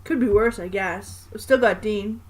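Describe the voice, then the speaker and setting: A woman's voice: mid-range voice, normal speed, lightly acted, rough recording. A woman voicing a kind young male monster hunter in a read-aloud fanfiction, with an earnest, conversational delivery. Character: young man hunter, kind, gentle older-brother type.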